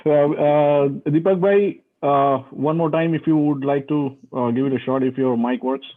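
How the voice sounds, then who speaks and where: Male host, a bit high-pitched, moderating a group call over narrow phone-like audio. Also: fairly even intonation, moderate pace. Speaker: host calling on participants. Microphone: video call.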